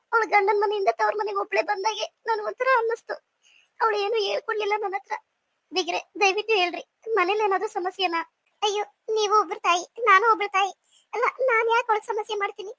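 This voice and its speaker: A woman's voice: extremely high pitch, fairly bright tone, no echo. A woman voicing a worried middle-aged mother-in-law in a cartoon, defending herself. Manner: defensive, pleading.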